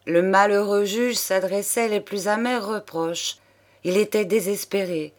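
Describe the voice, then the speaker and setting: A woman reads a classic novel aloud with measured, expressive storytelling. Her pitch sits in an ordinary middle range. The delivery is steady narration for an audiobook. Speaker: audiobook reader.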